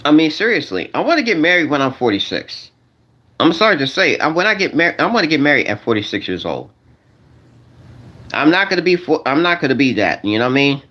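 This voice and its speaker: Man, forties, vlogger; loose slangy monologue, repeats himself, lively pitch. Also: a little fast. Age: 40s. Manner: repetitive, restarts and repeats phrases; slangy, addresses viewers as y'all. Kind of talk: rambling casual monologue to viewers.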